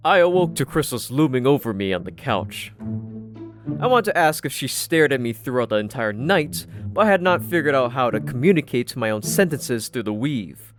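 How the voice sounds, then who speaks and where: A man tells a scripted fantasy tale like an audiobook narrator, his mid-range voice expressive and moderately paced. Background music runs beneath the narration.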